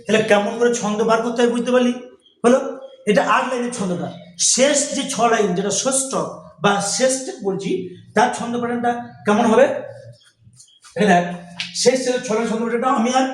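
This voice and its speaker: High-voiced man teaching in an echoey room. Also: fairly quick, pauses often, far from the mic. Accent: Bengali. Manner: asks questions and answers them himself. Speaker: English teacher. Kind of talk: classroom lesson explaining rhyme scheme.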